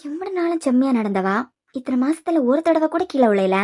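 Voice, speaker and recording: A woman voicing a sharp-tongued middle-aged mother-in-law who scolds and complains, in a Kanyakumari Tamil accent. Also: high-pitched, lively intonation, a little fast. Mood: worried brooding.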